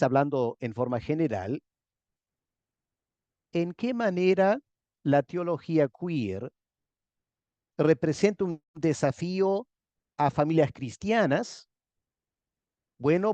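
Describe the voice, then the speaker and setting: Measured man lecturing on theology. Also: on the high side, expressive, warm tone, no echo, muffled recording. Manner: measured, repeats key words, checks in with "¿ok?". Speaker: pastor lecturing a master class.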